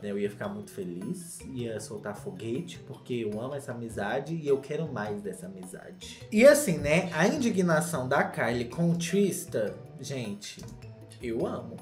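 A young man with a Brazilian Portuguese accent recapping a reality show in a campy, dramatic gossip style. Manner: campy, dramatic, acts out quotes in shrill voices. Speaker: reality TV commentator. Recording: roomy echo, faint background music.

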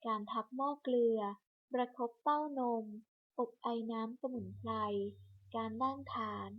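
A woman reading a scripted hospital clinic announcement over a public address system, in a measured, list-by-list delivery. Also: a little high, fairly even intonation. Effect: broadcast over a hospital public address system. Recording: muffled lo-fi loudspeaker broadcast.

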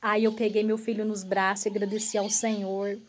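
A woman's voice: mid-range voice, brisk, slight background noise. A woman vlogger telling her own story earnestly to her viewers, often turning to address them directly. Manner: relaxed, repetitive phrasing.

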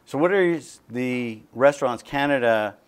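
A man's voice: mid-range voice, a little slow, clean tone. A middle-aged man hosting a studio interview, asking long, detailed questions and gesturing with both hands. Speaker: talk show host. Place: small TV studio with dark curtains. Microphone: lapel mic.

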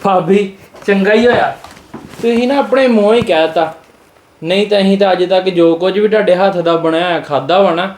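A man's voice: sits high, a little fast, a little hiss or hum. A man acting a teasing brother-in-law in a family drama skit, mocking in a playful way. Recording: echoey room.

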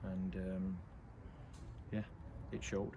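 A middle-aged English man, a football manager, giving a blunt, measured post-match interview outdoors at night, with frequent ums. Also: sits low, little pitch movement, creaky. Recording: outdoor noise behind.

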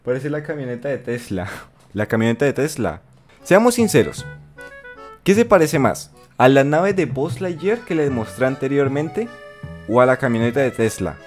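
A young Colombian-accented man streams reactions from his bedroom, chatting and joking about a video for viewers into a studio mic on an arm right in front of him. His mid-range voice is a little mellow, with lively intonation at a normal speed, and faint music plays behind him.

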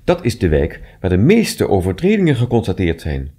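A man voicing an officious male inspector in a storybook reading, brisk and louder than the narration. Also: sits low, huge pitch swings, breathy edge, full character voice.

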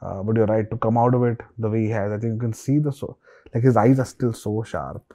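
A man's voice: fairly low pitch, brisk, mellow. A man in his forties with an Indian English accent, hosting a studio interview, agreeable and a little hesitant, with Hindi asides. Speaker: host. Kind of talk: conversational interview. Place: studio set with sofas.

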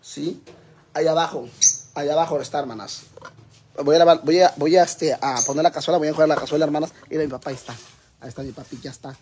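A man's voice: a little high, fairly even intonation, fast. A man chatting on a home livestream, campy and self-mocking, calling his viewers sisters. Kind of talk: casual livestream chat. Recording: echoey room, faint background noise.

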